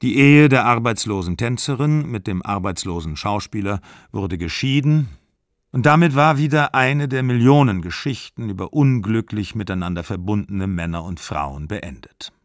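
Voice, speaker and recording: A man reading literary narration for an audiobook in a measured, even storytelling manner. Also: fairly low pitch, no room sound, clean studio sound. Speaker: audiobook reader.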